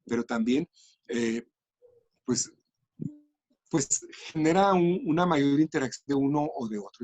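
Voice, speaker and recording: A man's voice: mid-range voice, a little mellow, no echo. A man explaining language and communication in an interview, thoughtful and full of small restarts. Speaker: education and language researcher.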